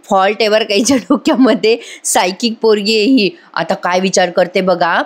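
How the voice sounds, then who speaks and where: A woman giving a conversational voice-over recap of a TV serial, speaking straight to her viewers. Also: mid-range voice. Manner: conversational, addresses viewers directly. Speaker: TV serial reviewer. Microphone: voice-over microphone.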